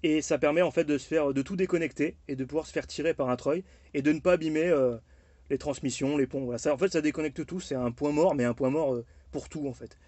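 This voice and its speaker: A man with a slightly high voice walks through his vintage four-by-four in a casual, rambling way. He talks loosely, stopping and restarting, and pads his sentences with fillers. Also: quick pace, a little mellow, no echo. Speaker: car owner presenting his vehicle. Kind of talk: casual walkaround presentation.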